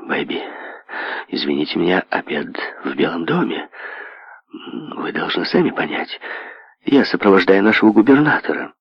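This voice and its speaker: A man doing a low, placating old tycoon. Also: sing-song, normal speed, creaky, long pauses, husky, no echo, full character voice. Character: older rich tycoon father, indulgent, evasive. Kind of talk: audiobook character voice. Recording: dull lo-fi audio.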